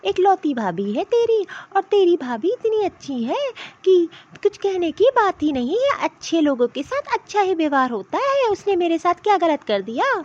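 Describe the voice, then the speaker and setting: Woman voicing a soothing cartoon mother-in-law, high lively voice, lo-fi sound. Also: normal speed, hardly any pauses. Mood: affectionate. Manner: affectionate, soothing. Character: kindly middle-aged mother-in-law. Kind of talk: Hindi cartoon voice acting.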